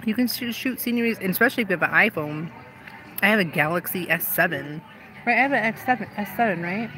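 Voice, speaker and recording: A woman's voice: mid-range voice, animated, fast talker, sharp tone, poor audio. A woman in her thirties, chatting casually in a live vlog and answering viewers on her phone, outdoors at a vineyard. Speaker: vlogger. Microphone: phone held at arm's length. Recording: pop music playing outdoors behind. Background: pop music.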